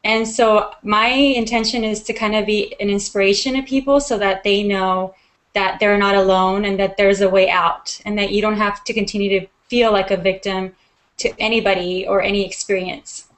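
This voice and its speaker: A woman's voice: mid-range voice, steady tone, normal speed. A woman from Mexico, a guest in an interview, telling her personal story in an earnest, reflective way with frequent ums.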